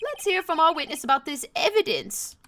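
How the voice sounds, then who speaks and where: A woman's voice: sits high, very animated, a little fast, pushed and bright, voice pushed up, full character voice. Woman putting on a very old man judge. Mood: solemn. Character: very old man, courtroom judge in a video game.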